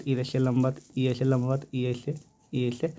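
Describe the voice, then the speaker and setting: A man's voice: medium pitch, level tone, normal speed, warm tone. A young man with a Bihari Hindi accent teaching a physics lesson, often asking the students questions back. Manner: quizzes students with repeated questions.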